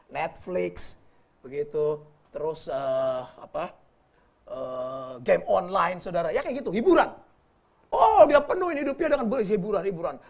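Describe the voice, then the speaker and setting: A man gives a relaxed Bible teaching with a husky edge to his voice. His pitch swings widely as he jokes and turns often to his listeners with direct questions. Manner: lively, jokey, often addresses listeners as brothers. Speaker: preacher.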